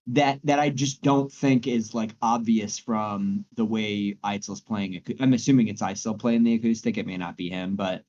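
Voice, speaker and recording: A man's voice: lowish voice, fairly even intonation, normal speed, few pauses, darkish tone, muffled recording. A man co-hosting a podcast, chatting casually about music with frequent restarts and repeated words. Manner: hesitant, repeats words while thinking. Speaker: podcast co-host.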